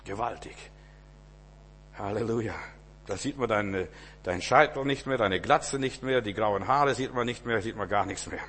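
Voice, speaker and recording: A man preaching a sermon to his congregation, swinging between loud emphatic cries and low hushed asides, repeating words for emphasis. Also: moderate pace, big-room sound, a little hiss or hum.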